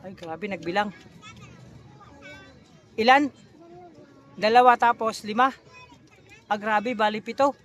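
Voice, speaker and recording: High-voiced man vlogging by the sea. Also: takes it slowly, pauses often, a bit bright, some chatter behind. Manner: teasing, coaxing a child with questions. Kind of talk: casual vlog narration. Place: outdoors by the seaside.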